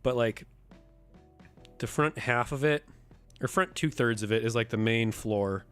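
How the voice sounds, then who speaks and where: A man streaming live with a sick, rough voice. He chats casually and thinks aloud as he builds a map, often counting under his breath. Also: mid-range voice, a little slow, a bit bright, soft background music. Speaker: streamer and host.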